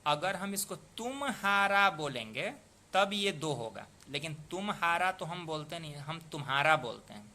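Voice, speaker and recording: Male tutor, young adult, bright cutting tone, patient and methodical, sounds words out slowly. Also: fairly high pitch, animated. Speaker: poetry meter teacher. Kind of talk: explanatory lesson.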